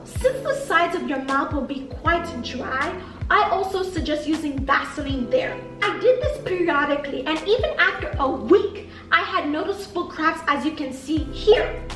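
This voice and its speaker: High-pitched woman vlogger, echoey and distant. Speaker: vlogger sharing surgery recovery advice. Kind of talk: scripted narration of personal tips. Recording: echoey room, distant mic, music behind.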